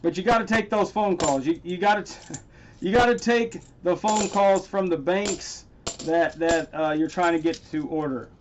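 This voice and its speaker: A man hosting a casual coin-hunting livestream. He talks straight to his chat viewers by name and gets loudly excited over his finds. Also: sits high, moderate pace, a little hiss or hum.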